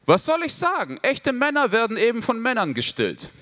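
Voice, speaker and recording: A male stand-up comedian telling stories with deadpan punchlines. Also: very high voice. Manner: deadpan storytelling, quick punchlines.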